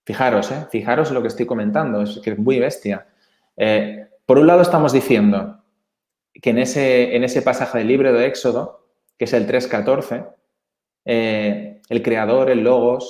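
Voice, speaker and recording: A man's voice: mid-range voice, normal speed, darkish tone, reverberant. A man with a Spanish accent from Spain, explaining slides in an earnest, emphatic way with many restarts. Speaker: presenter.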